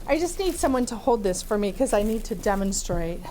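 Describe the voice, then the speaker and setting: A woman therapist with a big voice leads a live training demonstration before a small audience in a room, chatty and lively, laughing often and using many fillers. Her voice is mid-range and a little fast, with slight background noise.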